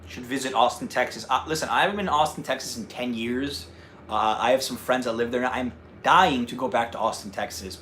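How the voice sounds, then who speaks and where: A man from North Jersey, USA, with a slight local accent hosts a casual travel-channel livestream, chatting and answering viewer questions with restarts and fillers. His medium-pitched voice is fairly quick, pushed and bright, with slight background noise.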